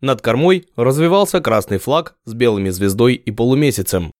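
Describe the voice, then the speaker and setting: A man narrating an adventure novel in a measured storytelling voice. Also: mid-range voice, expressive, darkish tone, no echo, studio quality. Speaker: audiobook narrator. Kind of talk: scripted narration.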